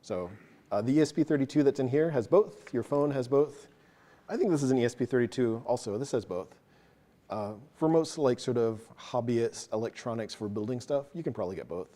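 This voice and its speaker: Fast, casual man giving a tech talk. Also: medium pitch, animated, dark tone. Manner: fast, casual, self-deprecating. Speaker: meetup presenter. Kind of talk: live technical talk with audience questions. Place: meeting room with an audience.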